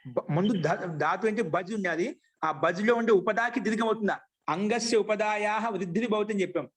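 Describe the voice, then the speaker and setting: High-voiced man teaching grammar. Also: slightly rough. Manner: asks questions and answers them, chants sutras slowly. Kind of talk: classroom lecture.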